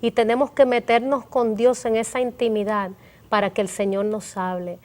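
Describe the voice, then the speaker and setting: A woman's voice: fairly high pitch, flat delivery, normal speed, a little mellow. Earnest woman sharing a prayer testimony. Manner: earnest, emotional storytelling with quoted prayers. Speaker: guest.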